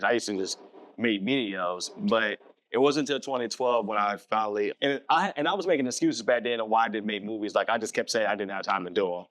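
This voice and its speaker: Southern man, low voice, dry sound, casual guest who backtracks often. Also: fairly bright tone, no echo. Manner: rambling, self-correcting, laughs easily. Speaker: filmmaker guest. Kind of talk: casual podcast interview.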